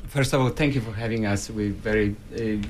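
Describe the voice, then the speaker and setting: Male guest, polite, measured, hesitant. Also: lowish voice, a little mellow, slight background noise. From Poland. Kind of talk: interview answers.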